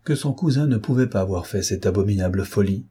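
A man voicing a proud, earnest noblewoman in a storybook reading, with a husky tone. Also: on the low side, expressive, fast talker, warm tone.

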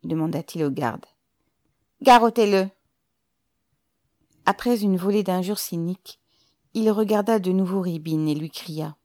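A woman narrating a novel in a measured, even storytelling manner. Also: on the low side, dry recording, studio quality. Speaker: audiobook narrator.

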